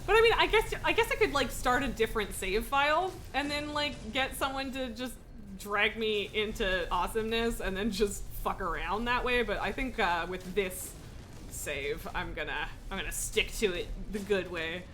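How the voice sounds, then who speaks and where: A woman's voice: medium pitch, expressive, normal speed, fairly bright tone, a little hiss or hum. A woman livestreaming a video game, chatting casually and informally, thinking aloud and jumping between thoughts with self-mocking humor. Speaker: video game streamer, host. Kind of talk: casual gameplay livestream chat.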